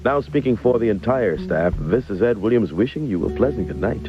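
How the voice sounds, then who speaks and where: A man announcing a station sign-off in a measured, formal way, heard as an old AM-style broadcast. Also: lowish voice, lively intonation. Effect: old AM-style broadcast sound. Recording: muffled archival broadcast with music. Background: music.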